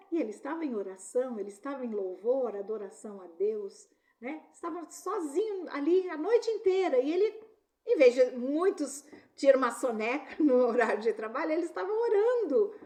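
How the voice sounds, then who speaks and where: Earnest high-voiced Brazilian woman. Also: a little mellow. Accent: Brazilian Portuguese. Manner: earnest, often ends sentences with "né?". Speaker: speaker on workplace harassment. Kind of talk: talk with personal stories.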